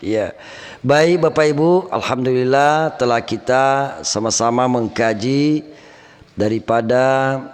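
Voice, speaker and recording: A man teaching Quran recitation rules, chanting verses slowly and melodically between plain explanations. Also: medium pitch, clean tone, big-room sound. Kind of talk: tajwid lesson with chanted recitation.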